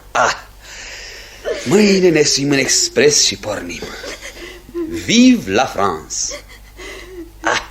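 A man's voice: medium pitch, a little hiss or hum, natural voice. An actor playing Yasha, a haughty young manservant who sneers at his homeland and longs for Paris, in a radio play. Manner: dismissive, mocking, bored.

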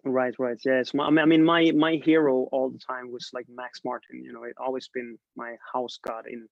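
Relaxed and quick to laugh, a young Swedish songwriter trails off into fillers as he chats casually on a video call interview. His medium-pitched, gravelly voice keeps a moderate pace, and the dull, lo-fi, dry recording carries no echo.

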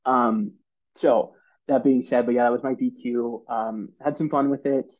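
A man in his thirties, a podcast guest, telling stories in an earnest, halting way with many fillers and restarts. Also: mid-range voice, steady tone, darkish tone, lo-fi sound. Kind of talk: casual storytelling interview.

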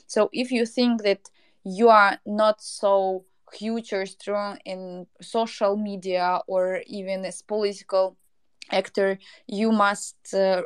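Slow, clear Ukrainian-accented woman. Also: mid-range voice. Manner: halting, non-native English phrasing. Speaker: panel participant, aid project worker. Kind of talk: earnest remarks in an online discussion.

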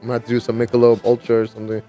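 An easygoing man with a mid-range voice banters as a podcast co-host. He jokes about himself and keeps the talk relaxed. Faint music plays behind him. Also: medium pitch, very fast. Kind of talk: casual chat.

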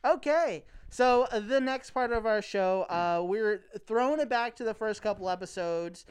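A woman's voice: mid-range voice, animated, normal speed, soft background music. A woman hosting a casual podcast and introducing a game segment in a playful, loose way.

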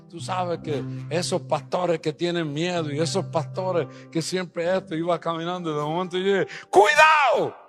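A man preaching a sermon, telling stories and building up to loud exhortation, with English phrases mixed into his Spanish. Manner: storytelling, swings from low asides to loud rising exhortation.

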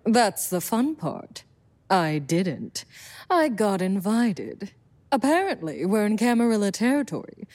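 Wry cocky vampire lady, woman voicing her, lively up-and-down voice, audio drama. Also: mid-range voice, a little slow. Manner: wry, self-assured, lively delivery. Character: confident vampire woman, a protective sire.

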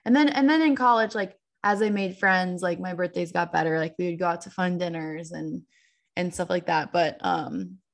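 A woman's voice: lowish voice, expressive, moderate pace. A woman in her twenties chatting casually with a friend, talking with lots of "like" fillers. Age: 20s. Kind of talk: casual chat.

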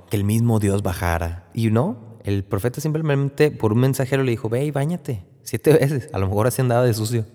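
Conversational preacher, hall reverb. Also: male voice, lowish voice, warm tone. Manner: conversational, frequent tag questions. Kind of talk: Lenten sermon retelling a Bible story.

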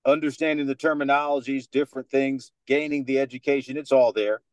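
A New York man in his thirties with a Dominican American accent, a sports radio host, guests on a casual podcast interview. His medium-pitched voice moves fairly quickly with no room sound, and he tells confident, animated stories while acting out other people's lines.

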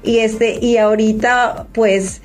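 A woman's voice: on the high side, fairly even intonation, takes it slowly. A woman co-hosting a podcast, telling stories in a chatty way with fillers. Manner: chatty storyteller, fillers like "este". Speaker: podcast co-host. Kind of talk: casual podcast chat.

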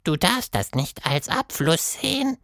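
A man voicing a small, playful tentacled fantasy creature in a children's story, with a squeaky high voice. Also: sing-song, a little slow, sharp tone, dry recording, studio quality, heavily acted. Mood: squeaky, pleading. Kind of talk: storybook narration.

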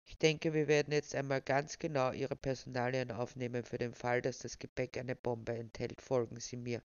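A woman voicing a calm, pedantic male railway official who lectures in a dry, unbothered way. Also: mid-range voice, moderate pace, clear, resonant tone, no echo, lo-fi sound, voice pushed down, natural voice.

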